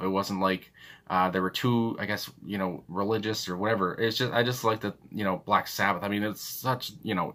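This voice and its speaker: Deep-voiced and sharp in tone, this young music reaction host talks off the cuff in a halting, wandering way, stopping to restart and leaning heavily on fillers.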